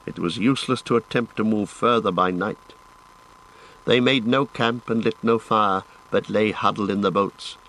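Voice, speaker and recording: A man narrating an audiobook in a measured, dramatic way. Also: fairly low pitch, a bit bright, low-quality recording. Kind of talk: scripted narration.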